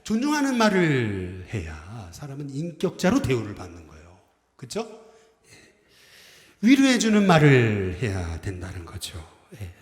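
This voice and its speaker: A man's voice: medium pitch, a little slow. A middle-aged man preaching a Sunday sermon as senior pastor, leading the congregation in call-and-response greetings. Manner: lively, acts out quoted phrases. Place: church sanctuary. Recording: echoey church hall with long reverb.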